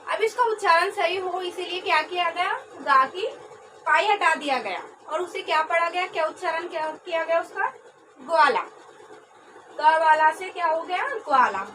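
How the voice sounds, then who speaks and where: A young woman trainee teacher giving a classroom lesson, speaking slowly, repeating words and answering her own questions. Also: extremely high pitch. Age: young adult. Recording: distant mic with background noise.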